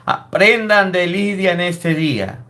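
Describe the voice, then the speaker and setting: High-voiced priest preaching. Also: male voice, expressive, a little slow, sharp tone. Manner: emphatic, scolding preaching with rhetorical questions. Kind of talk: sermon.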